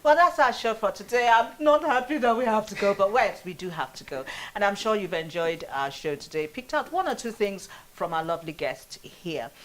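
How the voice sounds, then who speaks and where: A woman's voice: mid-range voice, animated, brisk, hardly any pauses, a bit bright. A woman hosting a talk show, bubbly and laughing often.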